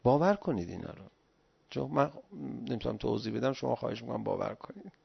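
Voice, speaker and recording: A middle-aged man giving an animated, pleading religious talk in the style of a sermon, recorded on dull lo-fi audio. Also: mid-range voice, gravelly, husky. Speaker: religious lecturer.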